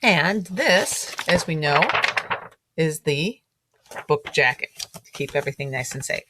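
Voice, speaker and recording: A middle-aged teacher reads a picture book to children in a low, expressive voice at a measured pace, with background noise present. She adds chatty asides and often asks her young listeners gentle, child-directed questions.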